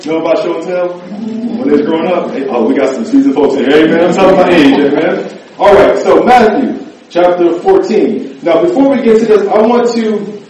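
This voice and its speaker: A man's voice: sits high, moderate pace, a little mellow. A man preaching a sermon, joking with the congregation and often asking them to answer "amen" and "right". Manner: call-and-response, often asks "amen?" and "right?". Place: church. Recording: echoey church hall, mic at a distance.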